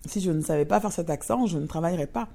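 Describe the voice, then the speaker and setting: Blunt actress with a very low, dark voice. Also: female voice, fast talker, vocal fry. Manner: blunt, many fillers. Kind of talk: candid interview testimony.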